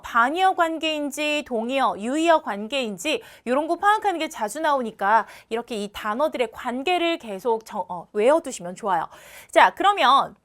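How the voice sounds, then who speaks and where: A woman's voice: high voice, a bit bright. A young woman teaching an English lesson, explaining each question step by step with patience and repeating words to drill pronunciation. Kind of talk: recorded exam walkthrough lesson.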